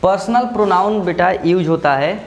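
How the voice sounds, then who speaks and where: A male school teacher giving a slow classroom grammar lesson. He explains step by step and keeps checking that the class follows. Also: high-pitched.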